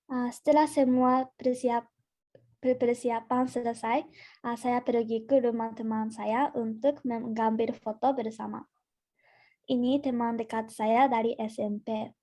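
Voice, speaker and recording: A woman's voice: fairly high pitch, fairly even intonation, measured pace, dark tone. A twenty-year-old woman from Japan, a native Japanese speaker, presenting as a foreigner speaking Indonesian with a Japanese accent, carefully and with restarted words. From Gifu, Japan. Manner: careful learner's delivery, repeating and restarting words. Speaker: student guest presenter.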